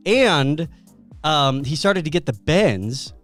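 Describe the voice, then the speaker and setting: A man co-hosting a casual podcast, telling facts as animated stories. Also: a little high, takes it slowly, faint music behind. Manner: animated storyteller, reads out facts. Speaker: podcast co-host.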